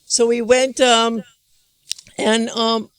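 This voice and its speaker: With a fairly high, level voice that is smooth and very slow, an older American woman shares her personal testimony at a conference. She holds a microphone in a hall, and her emotional account wanders, with many false starts.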